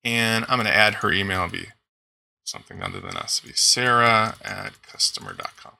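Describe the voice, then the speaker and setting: Upbeat man in his forties, gravelly. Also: fairly low pitch, huge pitch swings, moderate pace, sharp tone. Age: 40s. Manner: upbeat, enthusiastic walkthrough. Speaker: software demo presenter. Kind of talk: screen-recorded software tutorial.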